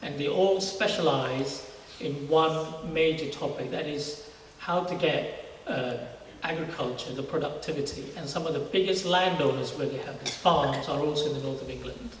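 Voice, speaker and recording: A middle-aged Singaporean man, a university research scientist, explains his work as a guest in an informal testimony interview inside a large church hall. He speaks conversationally in halting phrases, his voice a little high. The mic is distant, the hall very echoey, and faint noise is present.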